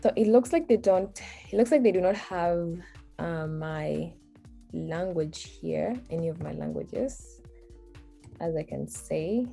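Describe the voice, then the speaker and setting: Soft music plays behind this young adult tutorial host, a Kenyan woman who grew up speaking Swahili and Luo. In a low, creaky, dark-toned voice, she takes her time chatting through a form on screen, musing aloud and chuckling at herself during the screen-recorded walkthrough.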